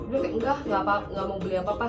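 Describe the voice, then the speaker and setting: A woman, casually telling a story on a podcast, animated and acting out the quotes. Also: medium pitch, very fast, far from the mic. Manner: animated, acts out quotes, laughs often. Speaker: podcast host. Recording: roomy, off-mic, music behind.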